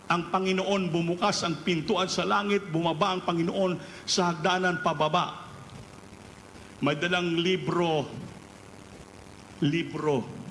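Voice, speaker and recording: A male preacher with a fairly high voice tells a story from the pulpit, and his voice climbs at the peaks. The sound rings through a large church hall with a long reverb. A faint hiss runs underneath. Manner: animated storytelling, rising pitch at climaxes. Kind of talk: storytelling sermon. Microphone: live webcast of service.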